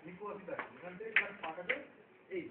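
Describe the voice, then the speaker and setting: A fast-talking man with a high-sitting voice runs a live self-defence demonstration, often checking that his students follow. The recording is roomy, distant, and phone-like, with loud noise.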